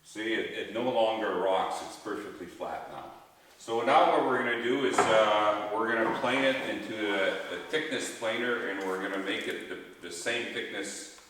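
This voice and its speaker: A man's voice: lowish voice, moderate pace, very echoey, long reverb tail, recorded from a distance, background noise. A man hosting a woodworking demo in his shop, explaining in a plain, stop-start way, recorded as old camcorder audio. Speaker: woodworking host. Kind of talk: casual how-to demo.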